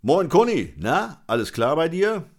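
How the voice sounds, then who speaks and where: Seasoned street cop, relaxed and good-humored, firm underneath , read by a male narrator. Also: on the high side, measured pace, voice pushed up. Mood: teasing. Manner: good-natured, calm, matter-of-fact. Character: older easygoing police officer, good-natured but tough.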